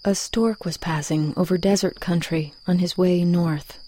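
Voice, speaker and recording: A woman reading a literary fable as a narrator, in measured storybook style. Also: fairly low pitch, fairly even intonation, warm tone, slight background noise. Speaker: story reader.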